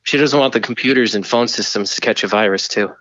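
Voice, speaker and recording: A man's voice: medium pitch, fast, fairly bright tone, no echo, dull audio. A man playing a flustered mission controller over the radio. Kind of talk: comedy skit acting.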